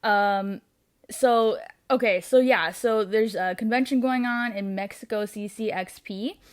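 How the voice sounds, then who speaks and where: A woman's voice: mid-range voice, measured pace, clean tone, no echo, studio quality. A young woman hosting her weekly entertainment show, gushing in a casual, bubbly way with lots of "um" and "like". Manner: bubbly and gushing, many fillers like "um" and "like". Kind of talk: casual fan commentary.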